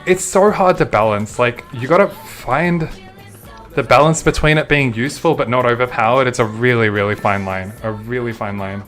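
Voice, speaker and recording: A man's voice: mid-range voice, moderate pace, fairly bright tone, faint music behind. Laid-back Australian man streaming a game. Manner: chatty, laid-back, swears casually. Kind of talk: casual gameplay commentary, answering chat.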